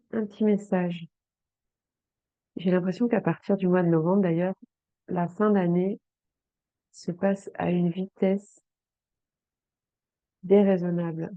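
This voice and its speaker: A woman reading tarot cards for her viewers, talking slowly and hesitantly with many fillers, addressing the listener directly. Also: fairly low pitch, no echo. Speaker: tarot card reader. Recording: dry, phone-like sound.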